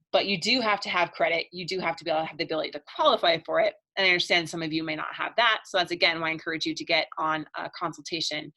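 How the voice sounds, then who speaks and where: In a live online webinar, a woman marriage coach delivers a chatty, upbeat pitch with a sharp tone, laughing between points as her voice gives out.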